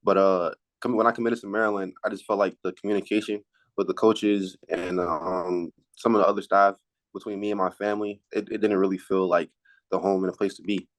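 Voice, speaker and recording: Low-voiced, halting teenage male athlete. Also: flat delivery. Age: late teens, high school senior. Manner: halting, repeats words as he thinks. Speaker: athlete interviewee. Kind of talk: casual sports interview answers.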